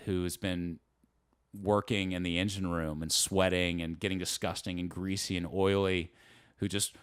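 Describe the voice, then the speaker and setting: A man in his twenties, a navy submarine officer, telling stories in a relaxed and chatty way with light laughs and fillers during a casual podcast interview. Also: sits low, clear, resonant tone, no echo, clean studio sound.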